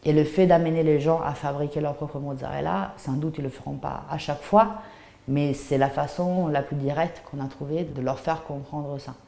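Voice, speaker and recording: This Puglia-born woman in her thirties, an artisan cheesemaker who founded her own shop, describes her craft in a personal interview with an Italian accent and a hesitant, think-aloud style. Her deep voice is creaky and dark, steady in tone, at normal speed. The recording sounds roomy.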